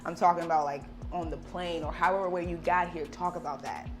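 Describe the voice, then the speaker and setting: A woman's voice: on the low side, steady tone, a little fast, over music. A woman hosting an interview, prompting her guest with encouraging questions. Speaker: host. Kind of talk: casual interview.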